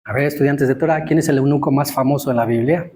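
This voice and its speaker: A man giving an interactive Torah teaching to a live congregation, quizzing listeners and stressing words slowly. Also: mid-range voice, steady tone, darkish tone.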